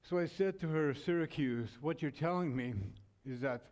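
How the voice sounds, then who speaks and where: A man's voice: fairly high pitch, normal speed, a little mellow. A man co-hosting a forum, giving closing remarks with a rambling, storytelling manner full of restarts. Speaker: forum co-host.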